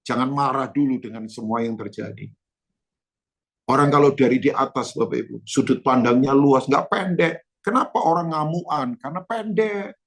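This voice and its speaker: A man's voice: mid-range voice, normal speed. A male pastor giving a conversational church sermon, telling stories and dropping in English phrases.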